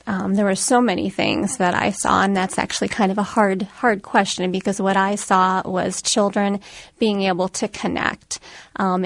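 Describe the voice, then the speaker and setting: A woman guest answering in a radio interview with plain explanations and frequent ums. Her voice has a noticeable fry and stays fairly even in melody, recorded dry and close. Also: mid-range voice, no echo. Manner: plain-spoken explaining, filler-heavy. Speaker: hospice program worker, interview guest.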